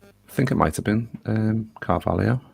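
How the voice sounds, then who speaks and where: A man's voice: fairly low pitch, moderate pace, vocal fry, darkish tone, slightly rough, no echo. A man co-commentating on a football watchalong, giving casual and somewhat tentative updates on the match.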